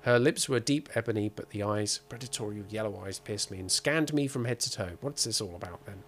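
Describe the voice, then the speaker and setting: A man's voice: on the low side, a little fast, a bit bright, slight background noise. A man streaming a game, chatting casually and reading in-game texts aloud in a playful, hammy dramatic way.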